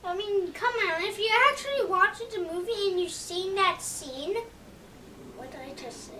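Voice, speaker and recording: A young woman chatting casually in a movie review, excitable and emphatic, leaning hard on "literally". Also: very high voice, normal speed, distant mic, a little hiss or hum.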